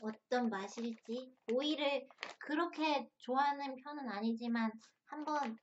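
A woman with a fairly high voice gives a casual snack review, chatting while she tastes and crunches chips. She talks as a mukbang host would, eating between remarks. The recording is a little dull, with noticeable noise behind her. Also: a little slow.

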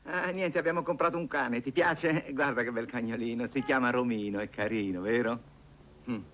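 An actor playing a panicky, blustering young lover who talks excitably and mutters asides to himself. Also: male voice, medium pitch, moderate pace, lightly acted. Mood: frantic. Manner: frantic, excitable, mumbling asides. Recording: noisy old film soundtrack.

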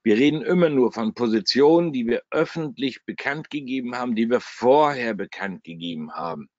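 Sitting at his computer with his screen shared, a man with a German regional dialect runs a live trading webinar. His medium-pitched, a little mellow voice is expressive and fairly quick, and he's blunt, chatty and salty-humored as he explains his screen. The audio is dry and a touch dull.

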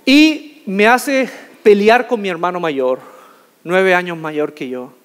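A man telling a humorous personal story to an audience as a motivational speaker, in an animated, jokey way, stretching out key words. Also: sits high, slow. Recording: reverberant hall.

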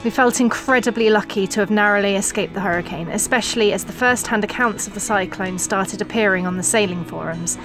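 A woman giving calm, measured scripted voice-over narration. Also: medium pitch, music in the background.

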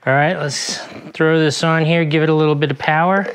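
A man's voice: on the high side, fairly even intonation, a little slow, a bit bright, a little hiss or hum. A man doing a casual unboxing review, chatty and enthusiastic, joking at his own expense, recorded in a garage studio. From lives in Florida. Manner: enthusiastic, chatty, self-deprecating. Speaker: product reviewer. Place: outdoor garage testing studio.

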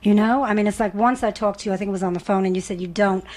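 A woman's voice: medium pitch, fairly even intonation, rapid-fire, a little mellow. A woman interviewing, asking questions in a chatty, rambling way full of "I mean". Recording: old tape with faint hiss and clicks.

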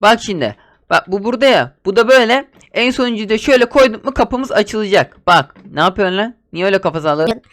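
A man hosts a Minecraft let's play in a loud, excitable way, laughing and bossing his teammate around. His pitch swings widely from line to line as he chatters to viewers. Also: fast talker. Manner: excitable, laughing, scolding and bossy. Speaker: gaming YouTuber host.

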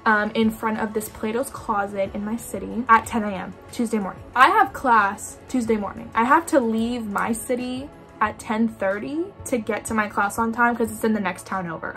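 A young woman with a slightly high voice tells a casual storytime, lively and chatty, peppering her sentences with "like". Faint music plays softly behind her. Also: normal speed. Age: young adult. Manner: animated, talks in quoted asides, frequent "like". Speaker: vlogger.

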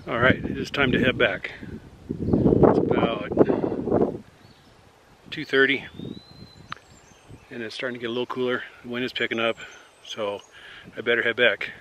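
A man in his forties narrating a casual hiking vlog to a camera held at arm's length on a mountain trail, relaxed and wry. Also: mid-range voice, a little slow, pauses often, very noisy. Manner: relaxed, wry, talking to the camera while walking. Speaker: hiking vlogger.

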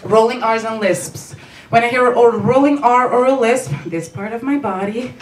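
A young adult woman, a non-native English speaker with a Belgian accent, does stand-up comedy storytelling on a small indoor club stage, playful and performative as she acts out dialogue. Her voice is on the high side at a moderate pace. She uses a handheld stage mic, but a distant camera captured it, so the sound is roomy, echoey, and noisy.

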